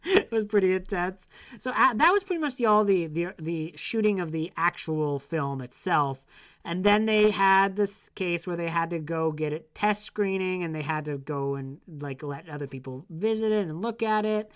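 Lower-voiced woman sharing movie trivia. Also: animated, normal speed, no echo, clean studio sound. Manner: chatty, shares trivia with many fillers and restarts. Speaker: podcast co-host. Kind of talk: casual movie discussion.

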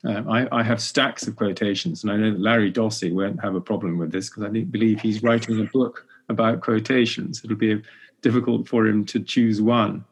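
A man's voice: fairly low pitch, fairly even intonation, breathy edge. A middle-aged man hosting an interview, affirming his guest and sometimes stumbling over repeated words. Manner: warm, affirming, slightly halting with repeated words. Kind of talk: conversational interview.

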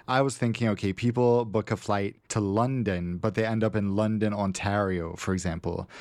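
A man co-hosting a podcast in casual chat, laughing often as he tells lively anecdotes. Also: fairly low pitch, moderate pace, no room sound. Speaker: podcast co-host.

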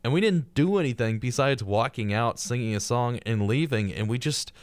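A young man co-hosting a podcast, telling stories in casual chat, getting animated and higher when excited. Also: moderate pace, smooth, no echo. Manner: animated storytelling, rises in pitch when excited. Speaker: podcast co-host.

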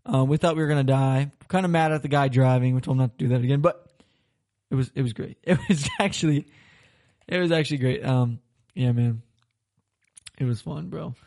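This podcast host, a young man from Florida, has a mid-range voice and speaks a little fast with frequent pauses. In a casual chat he spins an animated, rambling story, laughing and cursing throughout.

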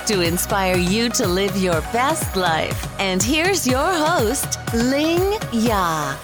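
Intro announcer, female, slow and measured scripted read over a clear music bed. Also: fairly high pitch, big pitch swings. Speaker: show announcer.

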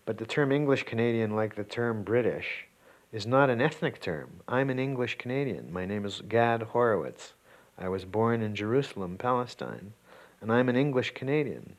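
A man's voice: fairly low pitch, lively intonation, normal speed. A man, a political scientist, explaining his view in an interview and checking in with the listener as he goes. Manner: explanatory, checks in with "you see" and "right?". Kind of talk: interview commentary.

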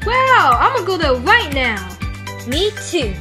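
A woman voicing excited little girls who are homeschooled sisters, with music behind and her voice from a distance. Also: extremely high pitch, slow pace, voice pushed up.

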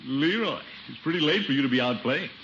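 A man's voice: mid-range voice, lively intonation, a little fast, creaky, a bit bright. An American man playing a pompous, fussy, genial middle-aged uncle in an old radio comedy. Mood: fussy, admonishing. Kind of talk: 1940s-50s radio comedy acting. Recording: dull noisy vintage radio recording.

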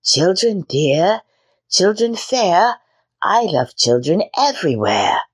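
A woman's voice: on the low side, sing-song, slow, husky, full character voice. A woman voicing a sly, greedy old witch who eats children, sweetly coaxing one moment and screaming the next. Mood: sing-song luring.

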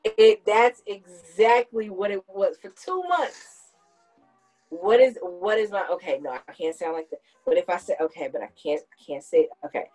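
Speaking at medium pitch with an expressive, darkish voice and a moderate pace, a thirtysomething podcast host chats casually and reflectively, going into long explanations. The audio is poor, with faint music in the background.

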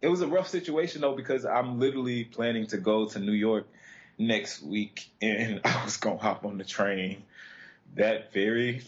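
A man's voice: lowish voice, moderate pace, dull audio. An American man hosting a talk show in a casual, conversational way. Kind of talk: casual chat.

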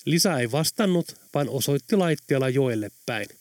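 A man narrating an audiobook in a steady, even storytelling manner. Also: mid-range voice, dry recording, studio quality. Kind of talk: scripted narration.

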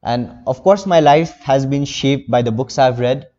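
A man's voice: mid-range voice, a little slow, mellow, long reverb tail, lo-fi sound. A teenage boy from India speaking earnestly as an interview guest, rambling with many fillers. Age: teens. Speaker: interview guest, young novelist. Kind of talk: casual interview.

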